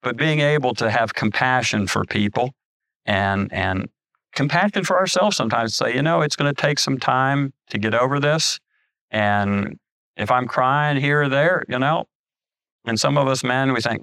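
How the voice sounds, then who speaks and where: Middle-aged male pastor, gravelly tone, close and dry, talky sermon delivery with restarts. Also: mid-range voice, normal speed, fairly bright tone, dry recording. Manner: conversational preaching with frequent restarts and asides.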